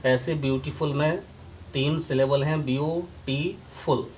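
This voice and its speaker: A man with an Indian accent teaching English grammar as a lesson, slowly dictating definitions word by word. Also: mid-range voice, slight background noise, poor audio. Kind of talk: classroom lesson explaining grammar.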